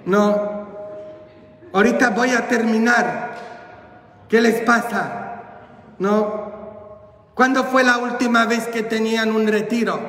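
A man's voice: very high-pitched, sharp tone. A male priest preaching at a church retreat, joking and teasing the congregation as he talks. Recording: echoey church from far off.

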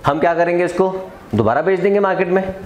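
Storytelling teacher, fairly high voice. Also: male voice, fast talker, slight background noise, low-quality recording. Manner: storytelling, mixing Hindi and English. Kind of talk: classroom lesson.

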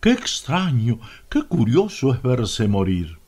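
A man with a Latin American Spanish accent voicing a calm, curious man in an audiobook. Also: mid-range voice, slow pace. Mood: wondering. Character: detached, curious man watching himself die, Stephens.

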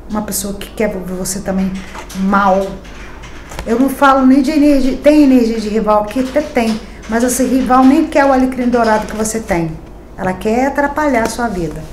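Addressing her viewers directly with tag questions, a middle-aged tarot reader from Brazil delivers the day's horoscope cards in a chatty, emphatic way, her accent Brazilian Portuguese. Her voice is medium in pitch and a little mellow. She records in a small decorated home studio that's echoey, with faint ambient noise.

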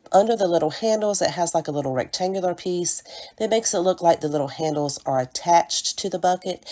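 A woman narrating a home decor craft tutorial step by step, sounding stuffy from a cold, with friendly asides to her viewers. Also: low voice. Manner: gentle step-by-step explaining, chatty asides to viewers. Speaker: DIY home decor creator.

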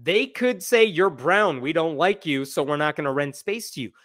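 Male host in his forties, casual livestream commentary, sarcastic and animated, dry small room. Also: fairly high pitch, normal speed, no room sound. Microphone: wired earbuds with dangling mic and desk mic.

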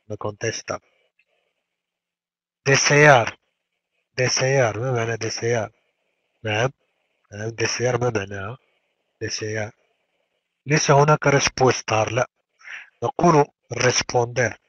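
A male language teacher giving a classroom lecture and drilling verbs by repeating each word slowly. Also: medium pitch, a bit bright, breathy edge, no echo, muffled recording.

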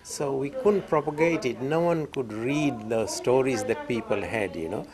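An older man with a Fiji Indian accent answering an interview informally in a halting, hesitant way. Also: mid-range voice, lively intonation, a crowd in the background. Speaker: author, interviewee.

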